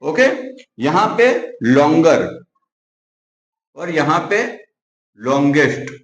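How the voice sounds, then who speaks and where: A man's voice: a little high, lively intonation. Echoey man teaching grammar. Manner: says "okay" often, writes while explaining; repeats example words slowly. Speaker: English teacher. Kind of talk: explaining grammar to viewers. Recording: echoey, slightly dull recording.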